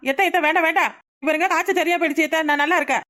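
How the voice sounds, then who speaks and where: Woman voicing a fast-talking sulky young wife. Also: very high voice, fairly even intonation, a bit bright. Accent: Kanyakumari Tamil. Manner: sulky, retorting. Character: young village wife, sulky and sharp-tongued.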